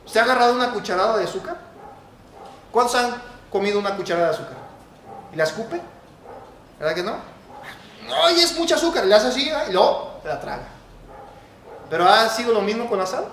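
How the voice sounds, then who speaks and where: A man with a Mexican accent delivers an impassioned sermon, rising to loud exhortation and then dropping to quiet asides. He keeps calling out to his listeners as brother. His voice rings through a roomy, echoing church with a faint hiss of noise behind it. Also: high voice, animated, a little fast, pauses often. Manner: impassioned preaching, swings from loud to hushed, often addresses listeners as brother. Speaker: pastor.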